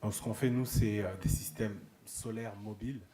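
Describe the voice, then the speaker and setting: A man's voice: lowish voice, fairly even intonation, moderate pace, warm tone, roomy sound, faint music behind. A man from France who founded a solar start-up, explaining it plainly at a forum. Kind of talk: presentation at a forum.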